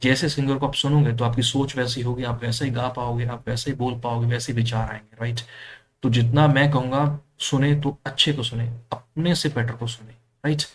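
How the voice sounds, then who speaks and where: A man whose first language is Punjabi, teaching an English exam class and slowly repeating example words for his students. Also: mid-range voice, flat delivery. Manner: explains step by step, repeats words slowly for practice, mixes English into Hindi. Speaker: IELTS teacher. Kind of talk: online English lesson in Hindi.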